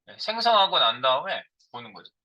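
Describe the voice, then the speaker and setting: A middle-aged man teaching a programming class, his very bright voice sitting a little high. His pitch swings widely as he talks through code while typing. He keeps asking his students questions and then answering them himself. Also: very animated, brisk, highs cut off. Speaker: programming instructor. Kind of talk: live coding lecture.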